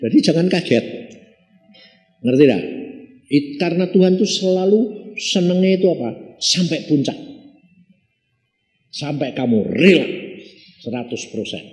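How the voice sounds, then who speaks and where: A pastor with a Javanese accent delivers a sermon in a fairly high voice, his pitch leaping and dropping as he acts out conversations. His voice carries through a large, echoey church hall, with a long reverb trailing after each phrase. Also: a little slow, pauses often. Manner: lively storytelling, mixing Javanese into Indonesian and acting out dialogues.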